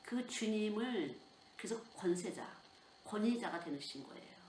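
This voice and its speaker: A woman's voice: mid-range voice, measured pace, roomy sound, a little hiss or hum. An older woman preaching a sermon as a children's missionary, telling stories with strong emotion. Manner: emotional, animated storytelling with sudden outbursts.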